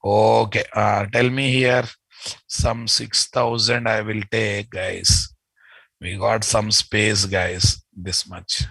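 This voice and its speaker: A man with a Telugu Indian accent leads a casual online class in a bright, forceful voice. He takes his time, repeating phrases for his learners. The sound is dry and close. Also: on the low side, level tone, slow pace, creaky, breathy edge, no room sound, rough recording. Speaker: software instructor. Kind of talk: informal live online lesson. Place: indoor room, video call.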